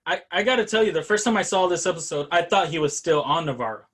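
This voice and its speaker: Fairly high-voiced man, chatty and animated. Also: quick pace. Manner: animated, filler-heavy with many "like"s. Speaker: podcast co-host. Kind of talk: casual review chat.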